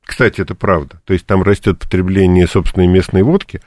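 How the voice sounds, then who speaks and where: A man speaks as an expert guest in a radio studio, explaining steadily and pausing on fillers. His voice sits on the low side. The sound is dry and close. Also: steady tone, a little mellow, dry recording. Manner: measured, explanatory, many fillers. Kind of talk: radio discussion.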